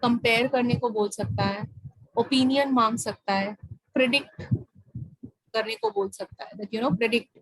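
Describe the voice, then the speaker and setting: An Indian woman coaches her student over a video call, switching between Hindi and English. Her voice is a touch high and husky, her pace unhurried. The sound is close and dry, with no room around it. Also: lively intonation, dry recording, low-quality recording. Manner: explanatory, checks understanding often. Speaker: IELTS speaking tutor. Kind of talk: online tutoring session, mixing Hindi and English.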